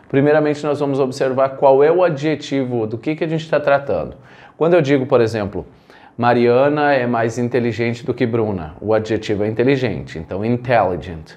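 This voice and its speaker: A man's voice: medium pitch, moderate pace, a little mellow. Guy from brazil teaching english grammar, asks himself questions as he goes, medium voice. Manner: explains step by step with rhetorical questions. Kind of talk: explanatory lesson.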